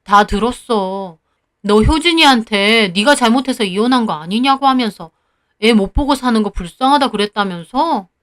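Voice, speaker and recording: Woman doing a cold accusing classmate, slow, kinda high voice. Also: lively intonation, a bit bright. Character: accusing female classmate on the phone.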